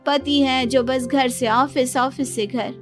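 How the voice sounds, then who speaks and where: A woman's voice: high voice, fairly even intonation, slow pace, soft background music. A woman voicing a self-pitying young wife in a cartoon story, complaining in a whiny, dramatic way.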